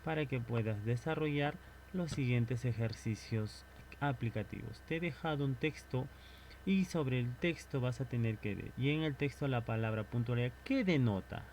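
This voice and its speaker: A man's voice: medium pitch, normal speed, a little mellow, slight background noise. A man teaching a recorded lesson, constantly asking questions and then answering them himself. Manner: asks and answers his own questions.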